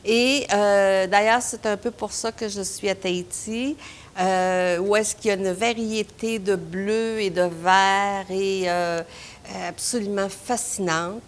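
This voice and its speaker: A woman's voice: medium pitch, steady tone, slow, clean tone. A middle-aged woman from Quebec with a Québécois French accent, a painter talking about her art in an interview, hesitant with many fillers and restarts. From Quebec, Canada. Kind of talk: interview, personal recollection.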